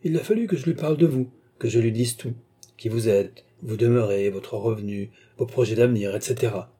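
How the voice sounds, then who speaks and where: A man reading aloud, voicing a cheerful, teasing male painter in a husky, dark voice. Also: mid-range voice, a little fast, natural voice. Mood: amused. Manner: breezy, teasing.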